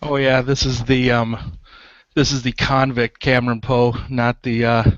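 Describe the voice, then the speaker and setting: A man's voice: medium pitch, level tone, a little slow, a bit bright, no room sound. Jokey man on dry lo-fi chat. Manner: jokey, chuckles between remarks. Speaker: player. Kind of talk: casual chat at a tabletop game.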